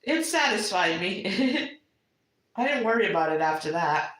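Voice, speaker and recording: Woman hosting a live stream, bright lively voice, unhurried, laughs a lot, roomy echo. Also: mid-range voice. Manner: chatty, laughs often, reminiscing. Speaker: livestream host. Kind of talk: casual live-stream chat with viewers.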